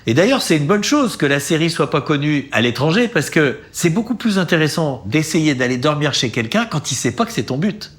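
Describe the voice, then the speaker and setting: A man's voice: on the high side, sing-song, brisk, hardly any pauses. A man hosting a travel show, narrating in a casual, chatty way and often laughing.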